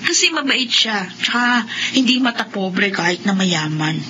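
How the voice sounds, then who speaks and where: A woman's voice: medium pitch, big pitch swings, a little slow, sharp tone. An actress playing a perky, modest young Filipino woman in an old-style radio drama. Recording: dull, faintly noisy radio drama recording.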